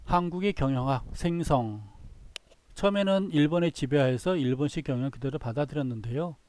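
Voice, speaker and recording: A man's voice: a little high, fairly quick, a little mellow. A man giving a recorded business lecture, reading through slides in short phrases and often repeating himself.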